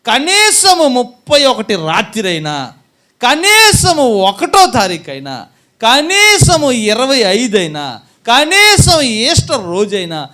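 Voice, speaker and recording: A man's voice: very high-pitched, wildly swooping pitch, slow pace, pushed and bright. A man preaching a church sermon as pastor, firing rhetorical questions at the congregation and answering them himself, and acting out examples with a listener. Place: church service.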